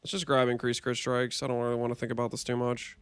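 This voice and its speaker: A man's voice: medium pitch, flat delivery, fast, clean tone. A man on a livestream headset mic, chatting and joking as he thinks aloud through gameplay commentary.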